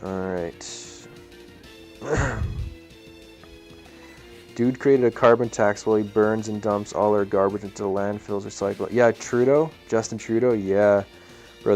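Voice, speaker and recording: A young Canadian man chatting casually on a livestream in a low, unhurried, tired voice that is wearing out, close to the microphone. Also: fairly even intonation, a little mellow. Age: young adult. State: voice worn out after a busy day. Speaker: live streamer. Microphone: microphone right up against the mouth. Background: music.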